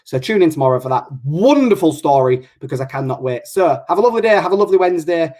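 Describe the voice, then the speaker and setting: A man's voice: on the high side, lively intonation, fast talker, a little mellow. A man with a northern English accent chats casually as an online show host. He rambles along and often breaks off his own sentences to start again. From Hull, England. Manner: chatty, rambling, self-interrupting. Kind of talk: casual chat.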